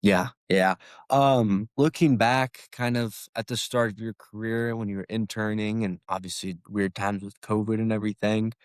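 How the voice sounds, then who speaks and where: Rambling young man host, low voice. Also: fairly even intonation, normal speed, dry recording, clean studio sound. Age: young adult. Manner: rambling, restarts, many "like"s. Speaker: podcast host. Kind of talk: casual podcast interview.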